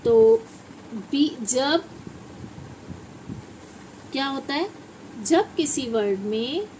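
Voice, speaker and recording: A woman's voice: high-pitched, lively intonation, drawn-out words, a little mellow, slight background noise, low-quality recording. A woman with a Hindi accent teaching English pronunciation in a classroom style, often asking questions and answering them herself.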